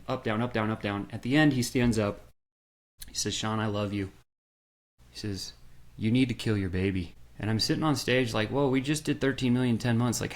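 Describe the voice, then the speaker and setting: A middle-aged man, a podcast guest, telling his business story in a lively way and acting out the quotes. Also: mid-range voice.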